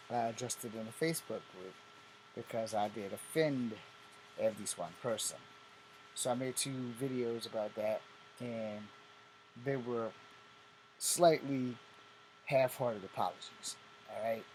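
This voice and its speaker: A man's voice: medium pitch, a little hiss or hum, rough recording. A man in his fifties from Virginia hosting a casual vlog, talking bluntly with lots of swearing and repeating himself. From Virginia, USA. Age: 50s. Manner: blunt, profane, repetitive. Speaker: vlogger host.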